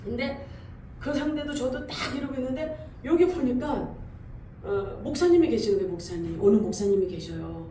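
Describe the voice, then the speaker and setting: A woman pastor preaching a sermon, telling a dream story with lively sound effects and rising into loud exhortation. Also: on the high side, normal speed, distant mic. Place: church sanctuary. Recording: echoey church hall, voice from off-mic, faint room noise.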